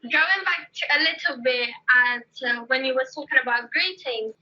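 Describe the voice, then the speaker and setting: Bubbly high-voiced woman teacher. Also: moderate pace, sharp tone. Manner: bubbly, laughs often. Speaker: English teacher, interview guest. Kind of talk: casual interview chat. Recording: dull lo-fi sound.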